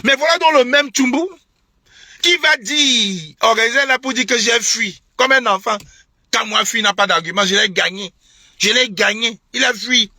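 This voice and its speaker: Indignant high-voiced man ranting. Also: normal speed, sharp tone, no echo. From Cameroon. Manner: indignant, repetitive, mocking laughs. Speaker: online political commentator. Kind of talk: heated live-stream rant.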